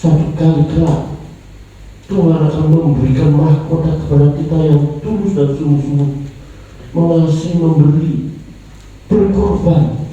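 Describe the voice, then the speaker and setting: Indonesian pastor guy preaching, dips low then pushes up loud, dull muffled stream sound. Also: steady tone, measured pace, pauses often. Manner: swings between soft low asides and raised emphatic lines. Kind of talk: sermon. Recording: echoey, distant, dull church livestream.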